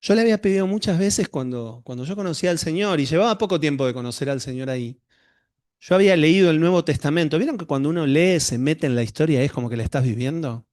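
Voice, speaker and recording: A man's voice: on the high side, lively intonation, fast, a little mellow, dry recording, clean studio sound. A middle-aged male pastor, telling a personal story to his congregation in a conversational sermon.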